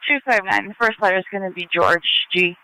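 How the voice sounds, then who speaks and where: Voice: medium pitch, big pitch swings, fairly quick, sharp tone. An emergency dispatcher on an ambulance and fire radio channel, speaking tersely and procedurally and reading numbers digit by digit over two-way radio. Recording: noisy, clicking emergency scanner radio.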